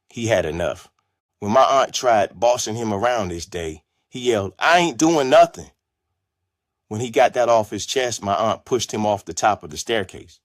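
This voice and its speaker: A man reading his own memoir aloud as an audiobook, telling it in a steady, measured way. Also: lowish voice, no echo, clean studio sound. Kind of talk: scripted memoir narration.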